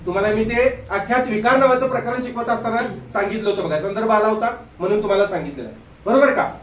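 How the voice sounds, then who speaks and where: A male grammar teacher giving a live classroom lesson, quizzing his students with quick questions and repeating "look here". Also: sits high, a little hiss or hum. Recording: echoey room from a distant mic.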